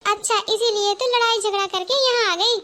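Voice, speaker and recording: A woman voicing the bride's suspicious, scolding mother in a cartoon, in a very high voice. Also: steady tone, moderate pace, bright, forceful tone. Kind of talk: Hindi cartoon voice acting.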